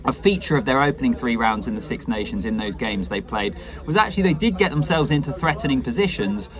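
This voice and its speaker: A conversational man in his thirties with a mid-range voice gives his reaction to a rugby match as a pundit. He offers casual spoken analysis to camera from a small room at home, with crowd-like noise in the background.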